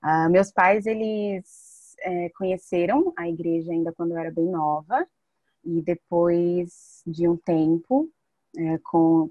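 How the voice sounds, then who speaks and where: Female interviewee in her 20s, lowish voice, dry recording, halting delivery. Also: warm tone, no room sound. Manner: hesitant, many fillers. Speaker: interviewee, education student. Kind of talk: testimony interview.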